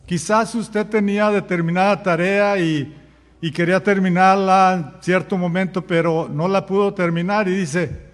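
A man's voice: high-pitched, steady tone, moderate pace, long reverb tail. A man preaching a sermon as pastor, firing rhetorical questions at the congregation and acting out common sayings. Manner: acts out everyday sayings in quoted voices.

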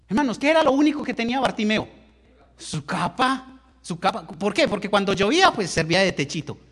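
Male preacher, high husky voice, impassioned, repeats and restarts as he preaches. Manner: impassioned, swinging between loud outbursts and hushed lines; repeats words and restarts phrases. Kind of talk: sermon storytelling.

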